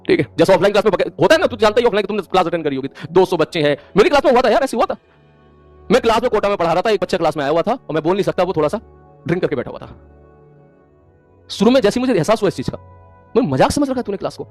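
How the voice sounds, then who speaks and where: A male online teacher in a stern, scolding lecture, talking rapidly at a high pitch. He addresses his students directly and hammers his point home, with a faint trace of music behind him. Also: expressive.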